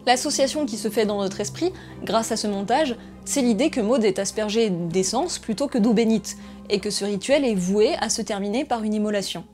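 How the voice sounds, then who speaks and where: A woman narrating a scripted film analysis essay in a measured, analytical way. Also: mid-range voice, darkish tone, soft background music.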